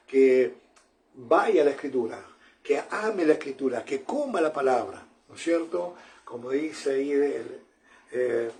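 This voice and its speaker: A man's voice: medium pitch, warm tone. A man, preaching a sermon in an earnest manner, often repeating phrases and calling his listeners brother.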